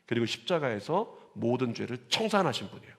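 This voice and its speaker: A man preaching a Sunday sermon as pastor, animated and calling on the congregation to repeat lines and read along. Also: mid-range voice, quick pace, creaky. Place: church sanctuary. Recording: church sanctuary with long reverb.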